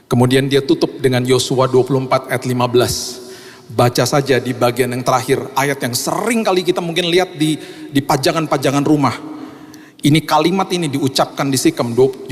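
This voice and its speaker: Storytelling pastor in a reverberant church. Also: male voice, mid-range voice. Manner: storytelling, acts out the dialogue with a raised voice. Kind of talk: sermon. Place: large church hall. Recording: long church hall reverb.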